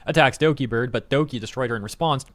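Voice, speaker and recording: Reading viewer comments and commenting on online drama, a young reaction-channel host sounds exasperated, blunt, and a bit sarcastic. He talks quickly at an ordinary middle pitch, and the close, dry recording carries almost no room ambience.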